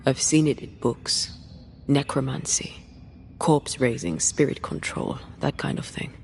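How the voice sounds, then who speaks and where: A man playing a learned, resolute ghost hunter in earnest, measured video game dialogue. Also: mid-range voice, expressive, gravelly, slight background noise. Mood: sober, resolute.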